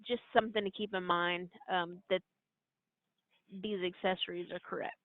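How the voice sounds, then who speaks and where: A trainer explains software steps one by one in an informal walkthrough, her fairly low voice steady and moderately paced. She speaks over a narrow, tinny conference-call line, with no room sound.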